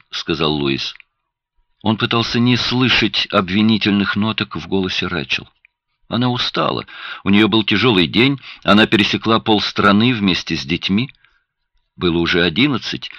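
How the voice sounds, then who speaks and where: A man narrating an audiobook in an expressive, dramatic reading style. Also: fairly low pitch, dry recording. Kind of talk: scripted narration. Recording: dry, dull lo-fi sound.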